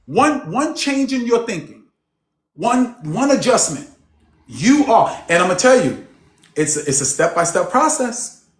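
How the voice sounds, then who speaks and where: A man coaching a group on a video call, preaching emphatically and swinging between loud and soft. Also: sits high, big pitch swings, measured pace. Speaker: personal development coach. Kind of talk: motivational group coaching session. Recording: roomy echo on a call.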